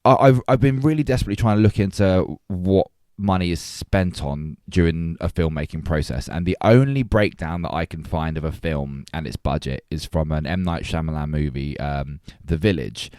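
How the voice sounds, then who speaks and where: A man's voice: low voice, moderate pace, few pauses, darkish tone, dry recording, studio quality. A man co-hosting a podcast, arguing his point in earnest with frequent restarts. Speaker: podcast co-host. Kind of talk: casual debate chat.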